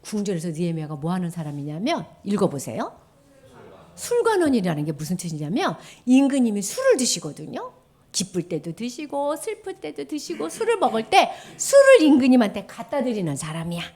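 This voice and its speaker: A woman giving a children's sermon, animated and quizzing her listeners with questions. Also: mid-range voice, a little fast.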